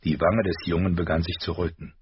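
A man reading a fantasy novel aloud as a narrator, unhurried and expressive. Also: low voice, breathy edge, dull audio. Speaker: audiobook narrator. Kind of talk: scripted storybook narration.

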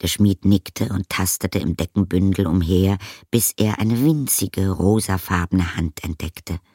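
Man narrating a story, very low, husky, slow, dry studio sound. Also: a little mellow, dry recording. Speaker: audiobook narrator. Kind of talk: scripted narration.

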